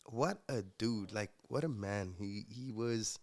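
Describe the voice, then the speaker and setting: A young man, a musician guest, telling his personal story in an earnest, reflective way with halting restarts. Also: on the low side, darkish tone. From South Africa.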